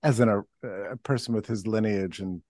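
A man's voice: on the low side, a little fast, darkish tone, dry recording. A man from Texas talking as a podcast guest, rambling with restarts and telling stories animatedly. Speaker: guest commentator. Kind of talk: casual conversational analysis.

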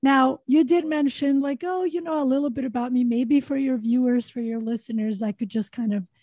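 A woman's voice: high voice, fairly even intonation, fairly quick, dark tone, no room sound. A woman from Montenegro, a podcast guest, talking earnestly in a reflective interview with many fillers and repeated words.

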